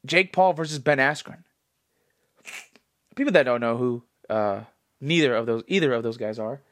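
A man in his twenties, congested, talking in a rambling, animated style full of fillers as a solo podcast host. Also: mid-range voice, moderate pace. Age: 20s. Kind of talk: casual solo commentary.

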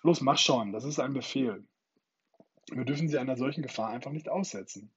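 A man's voice: mid-range voice, fairly quick, breathy edge, lo-fi sound, natural voice. A man voicing a bold, cocky boy hero in a storybook reading, raising his voice a little to play him commanding and mocking.

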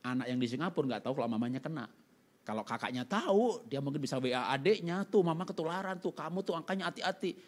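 A middle-aged man preaches, sharing a personal testimony. His voice sits fairly high and moves widely in pitch, jumping from loud outbursts to quiet, pleading tones. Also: fast talker. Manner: animated storytelling, swinging from loud outbursts to hushed pleading. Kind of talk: sermon testimony.

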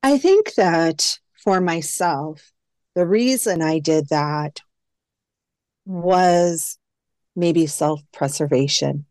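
A deep-voiced woman talks very slowly, her tone darkish and free of echo. She's an adoptee guest in a casual interview, reflecting on her past and reenacting phone conversations in quoted dialogue.

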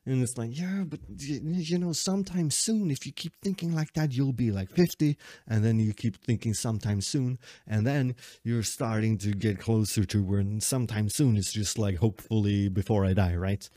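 Rambling low-voiced man in his late twenties. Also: moderate pace, dark tone, no echo, studio quality. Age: 20s. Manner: rambling, self-correcting, laughs often. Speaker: podcast host. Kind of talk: casual solo podcast chat.

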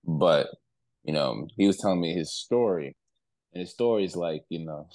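A man's voice: low voice, animated, moderate pace, darkish tone, dry recording. A young man co-hosting a podcast, telling stories in a laid-back, rambling way with plenty of slang. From outside the US. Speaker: podcast co-host. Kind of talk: casual chat.

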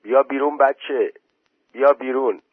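A man voicing a village headman who calls out loudly to a boy in a pond. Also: mid-range voice, lively intonation, husky, dry recording, pitched above the performer's own voice. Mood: calling out. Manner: loud calling, raised voice. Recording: tinny phone-like voice message.

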